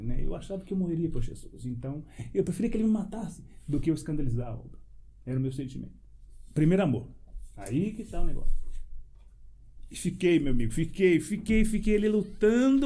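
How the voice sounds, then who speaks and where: A pastor speaks in a high but mellow voice. He preaches with emphasis and keeps asking rhetorical questions. He lets out short laughs between phrases while he tells his testimony. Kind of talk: preaching in a panel debate.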